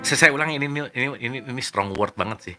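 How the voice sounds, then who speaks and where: A man leading a relaxed online book study, reading passages aloud and then explaining them in a chatty, joking way while checking in with his listeners. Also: mid-range voice, rapid-fire, over music. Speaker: study group leader. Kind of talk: casual book study talk.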